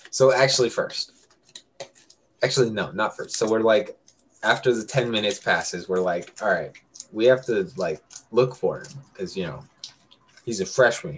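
Telling a story to his friends as a podcast co-host, a young adult man rambles casually and keeps correcting himself. He has a fairly low-pitched voice, and a little hiss or hum runs under it.

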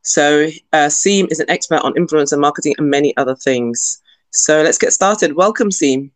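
A woman's voice: low voice, moderate pace, dry recording. A woman hosting a podcast interview, introducing her guest and asking questions with friendly, enthusiastic reactions. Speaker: podcast host and lecturer.

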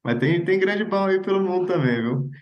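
A man hosting a podcast interview in relaxed, slangy chat, laughing often. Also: sits high, normal speed, highs cut off. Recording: echoey room.

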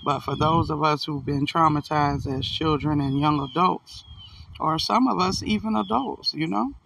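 A man's voice: a little high, moderate pace, gravelly, a bit bright, far from the mic, a little hiss or hum, low-quality recording. A man giving a casual, earnest, folksy motivational chat outdoors, swearing now and then, his speech slightly impaired by a toothache. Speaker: spiritual self-help vlogger.

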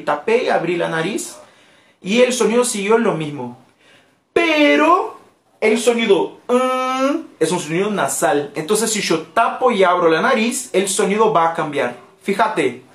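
A teacher whose first language is Portuguese runs a live online lesson. The voice moves up and down a lot and the pace is unhurried, with phrases repeated patiently for learners. The sound carries a roomy echo. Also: medium pitch, big pitch swings.

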